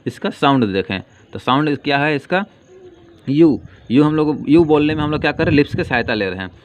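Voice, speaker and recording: A male grammar teacher giving a lesson, asking questions and answering them himself and repeating key terms slowly. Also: fairly high pitch, lively intonation. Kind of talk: classroom-style grammar lesson. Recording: dull lo-fi sound with faint noise.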